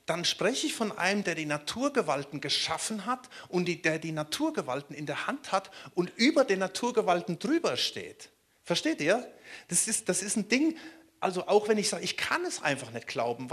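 A man from Germany preaching a sermon in a lively way, often turning to ask his listeners questions. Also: high-pitched, slightly rough. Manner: animated, asks the listeners questions.

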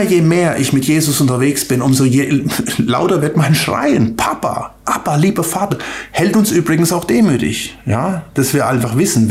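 An older man preaches with fervent emphasis, speaking directly to his listeners and doubling back on words as he presses a point. His voice sits fairly high for a man. The sound rings in an echoey church hall. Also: darkish tone. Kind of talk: sermon with prayer. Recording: echoey room.

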